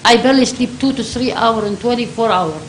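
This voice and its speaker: A woman's voice: fairly high pitch, a little fast, roomy sound, slight background noise, poor audio. A woman from Lebanon with a Lebanese accent, giving an impassioned public comment at a county board meeting in broken, repetitive English. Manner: emphatic, broken English, repeats herself.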